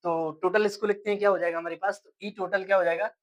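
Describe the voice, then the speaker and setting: A man's voice: sits high, fairly even intonation, quick pace, poor audio. A man teaching a physics lecture step by step, asking questions and answering them himself. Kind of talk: classroom lecture.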